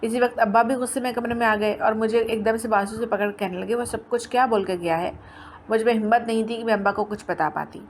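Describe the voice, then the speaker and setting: A woman reading a first-person story aloud in a plain, steady way, with small restarts. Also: a little high, few pauses, slight background noise.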